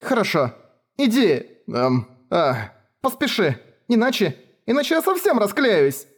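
A man reading an audiobook, voicing a tearful, devoted young woman warrior who pleads and breaks into shouts. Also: high-pitched, expressive, a little fast, husky, voice pushed up. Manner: pleading, sobbing, rising to shouts. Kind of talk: audiobook character voice.

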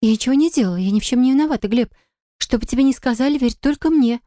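A woman voicing a capricious, greedy young wife in an audiobook, high and squealing. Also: quick pace, warm tone, dry recording, studio quality, lightly acted. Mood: pleading. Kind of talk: audiobook character voice.

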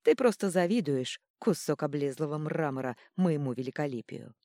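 Smug, mischievous male chaos godling voiced by a woman, very lively, dry close sound. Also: deep voice, moderate pace, no room sound. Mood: teasing. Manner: teasing, smug, purring.

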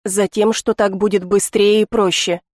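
Woman voicing a blunt young healer guy, flat and curt, unbothered, dry close audiobook sound. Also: medium pitch, normal speed, no room sound, lightly acted. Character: blunt young male healer, calm and matter-of-fact.

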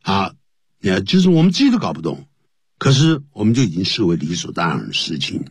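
Animated husky-voiced male English teacher. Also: deep voice, a little fast, no echo. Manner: explains English phrases in Chinese and spells words letter by letter. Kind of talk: radio English lesson.

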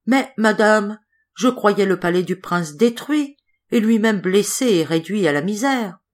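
A woman's voice: mid-range voice, expressive, a little slow, voice pushed up, close to an everyday voice. A woman voicing a kind, earnest fifteen-year-old girl in an audiobook fairy tale. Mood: surprised.

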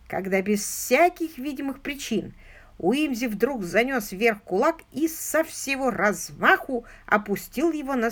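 A woman reading a detective novel aloud as audiobook narrator, in an even, unhurried way. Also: a little high.

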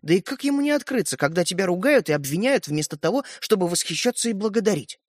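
A man narrating a children's audiobook in an expressive storytelling manner. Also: sits high, quick pace, dry recording, studio quality.

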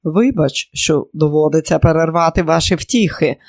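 A man reading an audiobook, voicing a stout, sardonic brothel madam in a brisk, mocking way. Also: on the high side, no echo, studio quality, natural voice.

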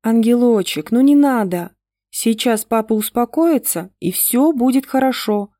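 A woman reader voicing a bewildered young mother who talks in a soft, coaxing, cooing way. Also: fairly high pitch, lively intonation, a little slow, no room sound, studio quality, voice pushed up. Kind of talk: audiobook reading.

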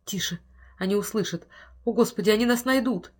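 A woman's voice: mid-range voice, a little fast, lightly acted. A woman reading the lines of a frightened, nervous housewife and mother who speaks with breathless, pleading urgency.

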